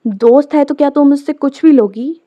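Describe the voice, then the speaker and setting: A woman's voice: fairly high pitch, moderate pace, dull audio, lightly acted. A woman reading the part of a stern young mother who sharply scolds her daughter in a storybook. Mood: scolding.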